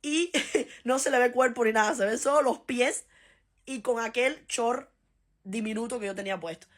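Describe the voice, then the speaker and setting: A Cuban woman vlogger telling a funny personal story in a lively, animated way, laughing and acting out voices. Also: fairly high pitch, normal speed. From Cuba. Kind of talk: casual storytime.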